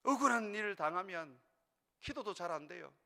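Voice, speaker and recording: A middle-aged male pastor preaching a sermon in earnest, rising to urgent peaks and dropping to quiet, intimate passages. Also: sits high, animated, brisk, vocal fry. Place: church sanctuary. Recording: long reverb of a large church hall.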